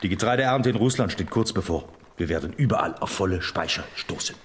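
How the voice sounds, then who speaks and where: Swaggering Napoleon Bonaparte, wildly animated. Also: male voice, low voice, fairly quick, slight background noise. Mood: mocking. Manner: grandiose, imperious, mocking. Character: Napoleon Bonaparte, swaggering, megalomaniac French emperor. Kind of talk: radio drama acting.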